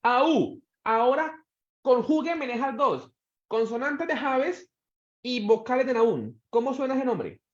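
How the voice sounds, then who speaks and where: A man teaching a church Bible class, quizzing his students and slowing down to stress key words. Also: very high-pitched, very animated. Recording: echoey room, dull sound.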